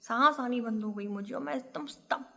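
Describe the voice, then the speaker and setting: A woman telling an emotional personal story about her temple, speaking earnestly with many pauses. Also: on the high side, gravelly, a bit bright, long reverb tail.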